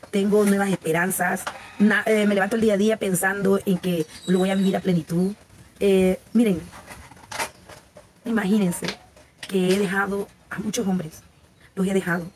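A Salvadoran woman in her forties talks candidly to viewers on a live stream, and her voice sits at a medium pitch. She is chatty and frank and restarts her sentences often. Faint background noise and small clicks run under her voice. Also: a little mellow. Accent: Salvadoran Spanish. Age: 40s. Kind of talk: casual live-stream chat.

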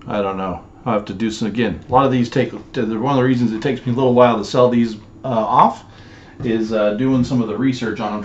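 The speaker is a man in his forties, a storage unit reseller, casually showing items in a small home office and rambling with lots of fillers as he handles them on camera. His voice sits in the mid-range. The recording has its highs cut off and a little hiss or hum.

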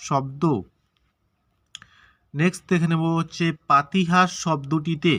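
A man with a Bengali accent teaching a grammar lesson for an exam. His voice sits a little high and rings bright and forceful, and the recording is close and dry. He asks questions, answers them himself and draws out syllables one by one. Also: no room sound. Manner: repeats and stretches syllables to show pronunciation.

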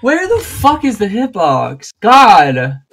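A man's voice: sits high, wildly swooping pitch, slow pace, fairly bright tone. A young man in casual, profane gaming chat, explosive, going from muttered complaints to screamed rage. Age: young adult. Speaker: gamer. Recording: noisy game voice chat with clicks.

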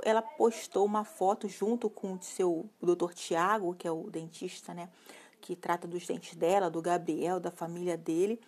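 A woman's voice: mid-range voice, a little mellow. Woman, gossip channel host, casual chat, chatty, frequent tag questions.

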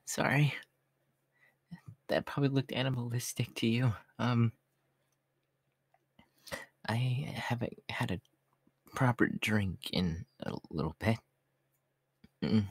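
A man in an ASMR role-play, voicing a shy, homeless young cat-boy who is gentle, hopeful, hesitant and softly polite. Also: medium pitch, takes it slowly, long pauses, husky, no room sound. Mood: shy, grateful.

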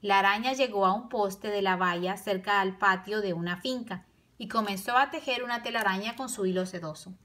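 A woman reading a children's picture book aloud in a lively, sing-song storytelling manner, mimicking the animals' sounds. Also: medium pitch, fairly quick.

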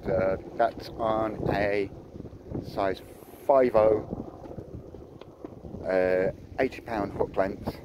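A man in middle age talks his viewers through his fishing setup in a relaxed, chatty way. He is recording himself on a phone outdoors on a harbour pier. Wind and water noise sit clearly behind his voice. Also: fairly low pitch, extremely slow, pauses often. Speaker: fishing vlogger. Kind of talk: casual vlog to camera. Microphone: phone camera at arm's length.

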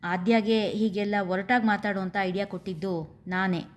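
A woman voicing a joking young man who explains himself slowly. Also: mid-range voice, steady tone, close to an everyday voice. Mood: sheepish.

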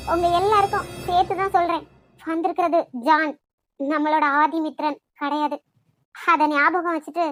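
A woman's voice: very high voice, fairly bright tone, no room sound. A woman voicing a worried young woman in a cartoon, with a Kanyakumari Tamil accent, pleading and stammering. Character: anxious young woman, the granddaughter-in-law. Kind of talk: cartoon voice acting.

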